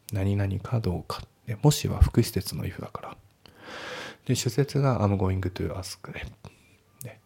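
A man's voice: on the low side, creaky, warm tone, breathy edge. A man teaching English for an exam, breaking sentences down step by step with casual asides. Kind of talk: spoken exam-prep lesson.

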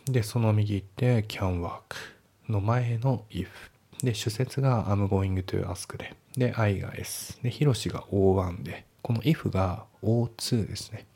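A man's voice: lowish voice, measured pace, warm tone, husky. A man teaching English for an exam, breaking sentences down step by step with casual asides. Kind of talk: spoken exam-prep lesson.

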